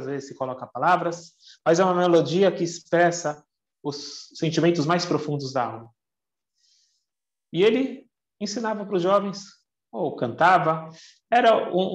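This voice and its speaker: A man telling a religious story, in an emotive way with slow, dramatic pauses. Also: fairly high pitch. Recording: echoey room, dull lo-fi sound.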